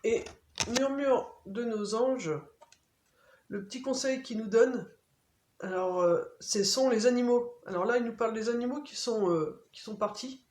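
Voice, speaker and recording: A woman giving an oracle card reading to her viewers in a gentle, soothing way, often pausing on fillers. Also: fairly high pitch, a little hiss or hum. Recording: echoey room.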